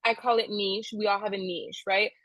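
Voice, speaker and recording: A woman's voice: medium pitch, steady tone, fairly quick, fairly bright tone, no room sound, poor audio. A woman hosting a podcast interview, chatting in a bubbly, giggly way. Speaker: podcast host. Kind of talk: casual interview chat.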